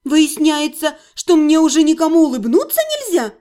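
A woman voicing a sharp-tongued young witch heroine in an audiobook, quick-tempered and indignant. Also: sits high, sing-song. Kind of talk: audiobook reading.

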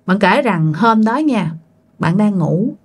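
A woman's voice: mid-range voice, lively intonation, takes it slowly, slightly rough. A woman with a Southern Vietnamese accent narrating a ghost story dramatically, speaking straight to her listeners. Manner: dramatic, addresses listeners directly.

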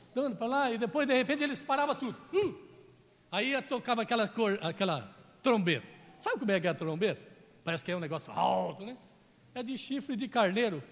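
Brazilian Portuguese-accented male pastor, high, swooping delivery, chatty storytelling sermon, reverberant church hall. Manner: chatty, jokes with the congregation by name.

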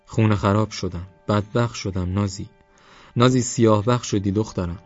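A man's voice: on the low side, fairly even intonation, distant mic, muffled recording, faint music behind, lightly acted. A man reading an audiobook, voicing a desperate village mother who laments and pleads. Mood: wailing.

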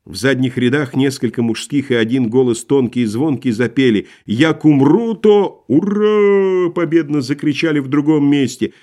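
A man reading a novel aloud as an audiobook narrator, expressive and vivid. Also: medium pitch, fairly quick, hardly any pauses. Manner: expressive, acting out crowd voices.

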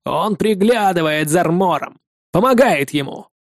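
Narrator doing a gruff old viking guy, blunt, barks at people. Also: high-pitched, lively intonation, unhurried, no room sound, studio quality. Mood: earnest. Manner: gruff, barking. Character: stern old male viking warrior, devout and blunt. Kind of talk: audiobook character voice.

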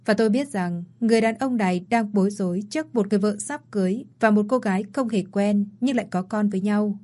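A woman narrating a dramatic story in the first person, in a calm, even storytelling voice. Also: medium pitch, quick pace.

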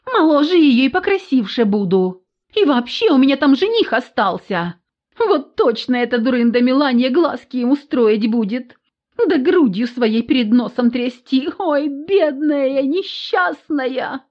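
A woman voicing a shrill, whiny young village girl with a squealing voice in an audiobook. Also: expressive, measured pace, lo-fi sound. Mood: self-pitying. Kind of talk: audiobook character voice.

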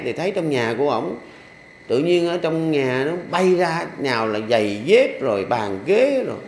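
A man's voice: mid-range voice, slight background noise. An older man who is a Buddhist monk, speaking with a Southern Vietnamese accent, preaching in a folksy, joking way with rhythmic repeated refrains in a temple hall. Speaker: Buddhist monk giving a dharma talk. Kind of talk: sermon. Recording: echoey hall with faint ambience.

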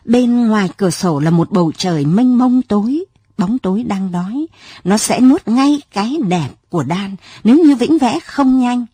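Woman reading a bedtime-ish story, mellow and a bit breathy, dry close sound. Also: fairly high pitch, lively intonation, dry recording. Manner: soft, lyrical, unhurried reading. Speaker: narrator. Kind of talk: scripted late-night story narration.

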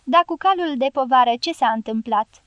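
Woman reading as a calm, commanding wounded soldier. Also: sits high, clean tone, no echo, lo-fi sound. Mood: resigned, steady. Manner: measured, firm commands. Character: American male dynamiter, wounded, calm and commanding.

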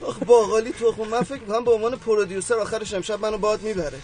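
A man's voice: sits high, steady tone, over a noisy crowd. A man playing a judge in a radio sketch, teasing and quizzical.

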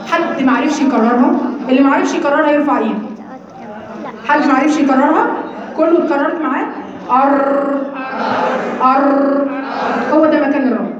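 A high-pitched woman with an Egyptian Arabic accent teaches recitation at a quick pace. She demonstrates sounds and questions her class. The recording is very echoey and lo-fi. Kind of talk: lecture to students.

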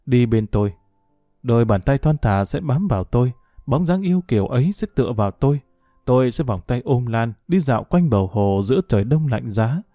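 Mellow-voiced man narrating a story. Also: medium pitch, no echo, studio quality. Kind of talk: first-person audio story narration.

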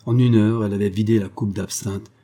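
A man reading a classic story aloud as audiobook narrator, measured and expressive. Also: fairly low pitch.

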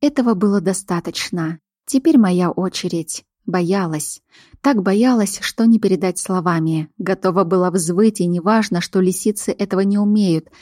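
Brief: female audiobook narrator, mid-pitched, emotional first-person reading, dry studio. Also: normal speed, dark tone, no room sound.

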